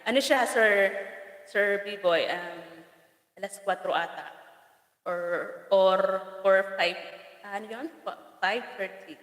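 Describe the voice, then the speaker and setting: A woman with a Bicolano accent chats casually to her live-stream viewers, teasing them and stumbling over their names. Her voice sits at an ordinary pitch for a woman. It comes through a phone in a reverberant room, with a long echo trailing each phrase. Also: slow pace, long pauses, fairly bright tone. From Bicol region, Philippines. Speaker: farm vlogger hosting a live stream.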